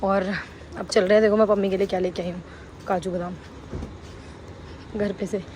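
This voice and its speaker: A woman's voice: medium pitch, moderate pace. A young woman filming a casual family vlog at home, chatting straight to her viewers as she goes. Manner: chatty, lively, addresses viewers directly. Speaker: family vlogger. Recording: noisy phone recording at home.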